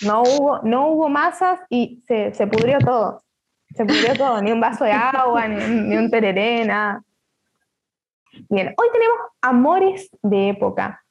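A woman's voice: fairly high pitch, animated, measured pace, slightly rough, highs cut off. Chatty Argentine woman hosting a book club. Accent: Rioplatense Argentine. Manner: chatty and playful, with many restarts and asides. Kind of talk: casual online book club chat. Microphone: video call.

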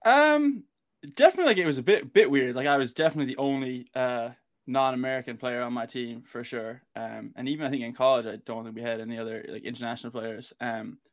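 A man's voice: medium pitch, fast. A man from Galway with a west of Ireland accent, talking informally and rambling a little as a guest on a casual podcast. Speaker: interview guest, American football player.

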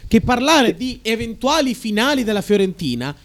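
A man co-hosting a sports radio show, teasing and interjecting, sometimes shouting. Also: very high-pitched, sing-song, moderate pace, no room sound. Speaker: radio co-host. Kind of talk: casual sports radio chat.

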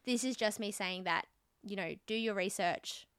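A woman's voice: mid-range voice, normal speed, a bit bright, clean tone, no echo. A young woman hosting a podcast, talking candidly and casually with lots of fillers. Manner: candid and chatty, with frequent fillers. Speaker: podcast host.

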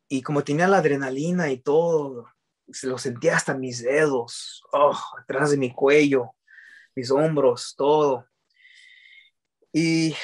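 A man, telling his story in a casual interview, often restarting and dropping English words into his speech. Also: on the high side.

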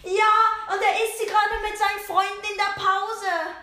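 A girl playing a shrill tattletale schoolgirl. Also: little pitch movement, moderate pace, bright, forceful tone, roomy sound. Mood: whiny. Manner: shrill, whiny.

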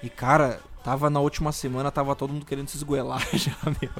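Man, young, casual podcast chat, laid-back storyteller, middle pitch. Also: level tone, quick pace. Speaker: podcast co-host.

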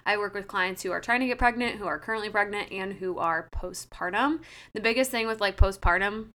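Chatty and fond of saying "like," this personal trainer in her late twenties co-hosts a laid-back podcast. She talks fairly quickly in a medium-pitched, fairly bright tone.

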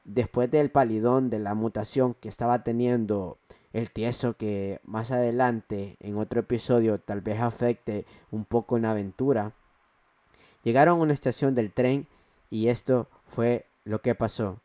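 Laid-back male narrator, mellow voice, dry recording. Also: mid-range voice, steady tone, measured pace, no room sound. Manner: plain, conversational storytelling. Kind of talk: casual story narration.

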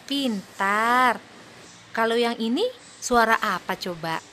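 A woman's voice: on the high side, bright, forceful tone. A woman playing a cheerful, patient young mother. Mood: praising. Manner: patient, praising, speaks slowly for small children. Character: cheerful, encouraging young mother teaching her little daughters. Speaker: mother of two young girls. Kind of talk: scripted children's audio play.

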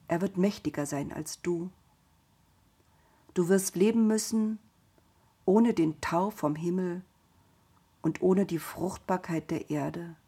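A solemn old patriarch, put on by a woman storyteller. He speaks slowly in an audio story, each word weighed like a blessing. The voice stays husky and restrained. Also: medium pitch, a little mellow, pitched above the performer's own voice, lightly acted. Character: old blind patriarch father, solemn then distraught.

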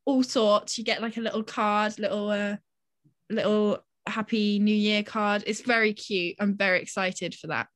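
A woman's voice: mid-range voice, fairly even intonation, moderate pace, fairly bright tone, no echo. An enthusiastic young woman in her twenties who rambles happily through casual podcast chat, restarting her sentences and filling them with "like." The recording is close and dry. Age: 20s. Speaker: podcast co-host.

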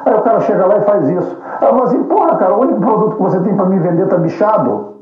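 A man's voice: sits high, animated, rapid-fire. A man giving a casual political monologue, ironic, combative and full of profanity. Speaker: political commentator. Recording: roomy, dull lo-fi, faint music.

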